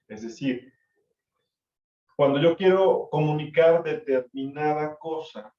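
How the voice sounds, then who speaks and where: A man's voice: mid-range voice, a little mellow. A male teacher gives a class lecture. He explains step by step, repeats key terms and adds tag questions. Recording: dull, roomy audio from a distant mic.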